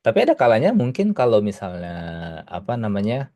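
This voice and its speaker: A man teaching Japanese in an online class, explaining patiently in a relaxed, casual way. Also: lowish voice, brisk.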